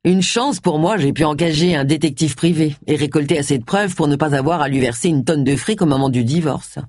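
A woman's voice: deep voice, fairly quick, darkish tone, no room sound. A woman reading a storybook who voices a smug, suggestive older male politician, close to her own voice.

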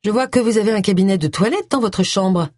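A woman voicing a sharp-tongued, grumpy middle-aged amateur sleuth in an audiobook, blunt and acerbic. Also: medium pitch, brisk, no echo, studio quality, close to an everyday voice.

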